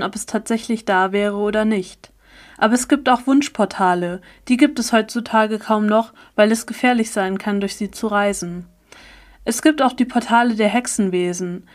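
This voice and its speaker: A woman reading the lines of a calm young man who patiently explains things in an audiobook. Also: fairly high pitch, lightly acted. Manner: matter-of-fact, explanatory.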